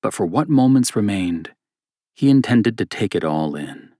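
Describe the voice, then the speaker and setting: Deep-voiced male audiobook narrator. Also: no echo, clean studio sound. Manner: steady, measured reading.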